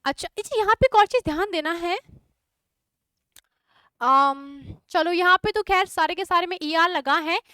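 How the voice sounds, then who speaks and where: A little slow and with long pauses, a young woman speaks in a very high-pitched, bright, forceful voice. Her Indian English accent comes through as she chats through an online exam-prep lesson, mixing in Hindi and questioning her students. The recording is dry and studio-clean.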